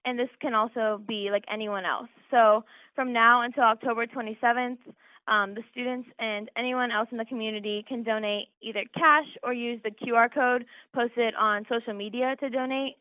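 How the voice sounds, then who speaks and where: A woman's voice: fairly high pitch, steady tone, moderate pace, dry recording, phone-quality sound. A teenage girl, a student guest on a radio interview, earnestly explaining an event and linking her points with "and so". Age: teens.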